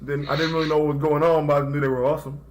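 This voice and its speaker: A man from Chicago hosting a casual chat, talking in relaxed, slangy banter. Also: on the high side, rapid-fire, crowd noise. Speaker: show host.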